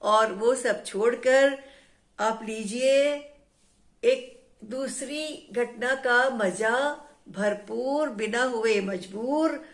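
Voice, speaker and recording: Slow, lilting woman telling a children's story. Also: a little high. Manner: rhythmic and repetitive, often laughing and asking the listeners questions.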